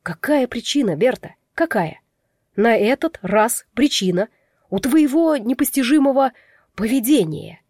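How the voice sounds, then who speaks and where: A woman's voice: fairly high pitch, lively intonation, a little slow, a little mellow, no room sound, clean studio sound. A woman voicing a cold, scornful young man, nicknamed the snake, in an audiobook, delivering his lines curtly and with a sneer. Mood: angry. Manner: curt and sneering. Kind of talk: audiobook character reading.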